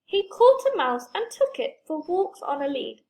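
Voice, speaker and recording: A woman reading a children's story aloud, expressive and playful with sound words. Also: very high voice, unhurried.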